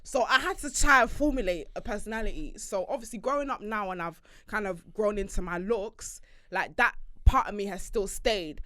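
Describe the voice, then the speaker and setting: A woman's voice: medium pitch, moderate pace, a bit bright, no room sound, clean studio sound. A woman with a London accent chatting casually as a host, full of urban roadman-style slang. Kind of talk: casual chat show banter.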